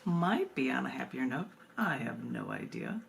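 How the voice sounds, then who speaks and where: A woman with a very deep voice hosts a book reading, reciting poetry and chatting casually about it in between. Her pitch swings widely, her speed is normal, and her phrasing is emphatic. Clear background noise runs under the recording.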